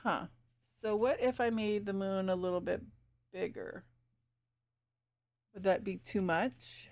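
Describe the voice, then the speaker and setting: A woman's voice: mid-range voice, slow, darkish tone. A woman streaming live as she paints, chatting casually with viewers, thinking aloud and giggling often.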